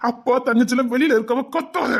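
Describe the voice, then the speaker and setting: A woman playing a defensive, blustering jobless husband who hushes and threatens his wife. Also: fairly high pitch, fast talker, gravelly. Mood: scolding. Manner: hushing, then blustering threats.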